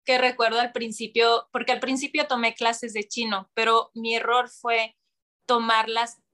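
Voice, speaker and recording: A woman's voice: fairly high pitch, measured pace. A woman, casually telling a story as a guest and acting out voices. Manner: animated, acts out voices, laughs often.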